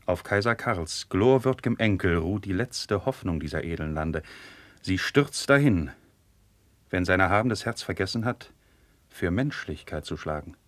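An actor playing a loyal, earnest noble friend of the prince, speaking measured, solemn verse in a 1950s radio drama. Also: male voice, deep voice, lively intonation, dry recording.

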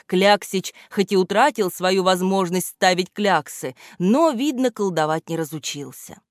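A woman reading a children's storybook aloud with expressive narration. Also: fairly low pitch, a little slow, no room sound, clean studio sound.

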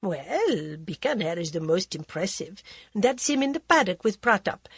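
A woman reading aloud voices a theatrical high-society lady who gushes and calls everyone darling. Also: big pitch swings, moderate pace, breathy edge, no echo, full character voice. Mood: gushing gossip.

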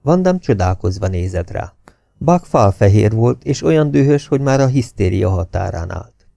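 A man narrating a novel as an audiobook reader in a steady, expressive reading style. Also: fairly low pitch, vocal fry, dry recording, studio quality.

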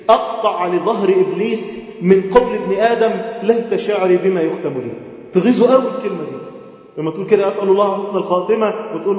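A man preaching a sermon with an Egyptian Arabic accent, emotive, moving between loud chanting and soft pleading. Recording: booming echo with long hall reverb.

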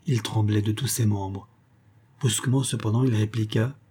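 A man narrating a novel aloud in a measured, even reading style. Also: fairly low pitch, slight background noise. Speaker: audiobook reader. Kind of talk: scripted narration.

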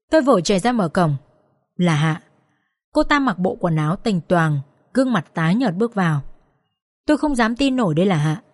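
A woman narrating a dramatic first-person audiobook story in a steady voice. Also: mid-range voice, no echo, studio quality.

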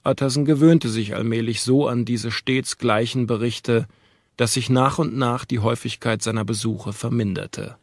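Calm and measured, this man reads an audiobook as scripted narration in a mid-range voice. The sound is clean studio audio with no echo.

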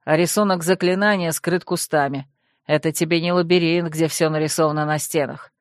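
A man's voice: fairly high pitch, steady tone, fairly quick, dry recording, clean studio sound, lightly acted. A woman voicing a snappish young fox shifter. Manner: snappish, matter-of-fact.

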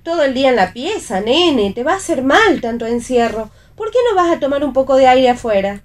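A woman's voice: sits high, lively intonation, brisk. A woman voicing a fussy, doting mother who sighs over her son, in a radio theatre reading. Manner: fussy, sighing.

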